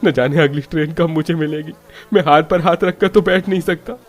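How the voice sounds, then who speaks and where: A man's voice: a little high, fairly quick. A man voice acting a worried father in a cartoon story, earnest and anxious.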